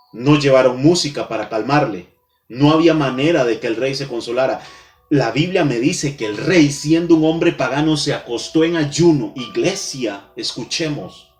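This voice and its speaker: A man preaching a sermon in a church, speaking straight to his listeners and dragging out key words with long pauses. His voice rings around a roomy, echoey space, with soft music playing underneath. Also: mid-range voice. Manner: dramatic pauses, slows for emphasis, addresses the congregation directly. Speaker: pastor.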